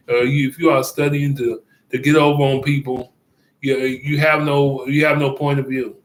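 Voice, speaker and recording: A man giving casual commentary, rambling and halting with many fillers and restarts, chuckling often. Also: mid-range voice, echoey room, low-quality recording.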